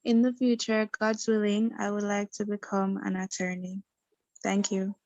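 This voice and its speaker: A woman's voice: mid-range voice, level tone, moderate pace, darkish tone, dry recording, lo-fi sound. A woman in her twenties reciting a short self-introduction as a quiz contestant. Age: 20s.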